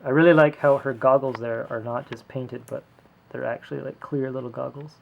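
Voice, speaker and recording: A man's voice: medium pitch, fairly quick, vocal fry, slight background noise. A man talking casually and rambling with fillers while he reviews a figure, recorded at home on a small camera. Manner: relaxed, rambling, many fillers. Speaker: toy reviewer. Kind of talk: casual hands-on product review. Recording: lo-fi home video audio.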